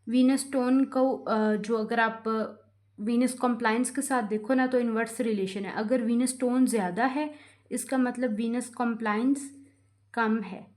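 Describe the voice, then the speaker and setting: A woman's voice: fairly high pitch, darkish tone. A young woman giving a medical lecture, mixing in English terms and checking in often with listeners. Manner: explanatory, frequent "theek hai" check-ins, slows for English terms. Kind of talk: explaining lecture, Hindi-English code-switching.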